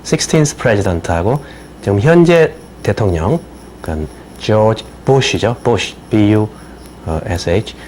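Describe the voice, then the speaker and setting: An older man, an attorney and native Korean speaker, giving a slow explanatory lecture on citizenship English and spelling words out letter by letter. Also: on the low side, expressive, a little mellow, slight background noise. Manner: spells words letter by letter, repeats phrases slowly.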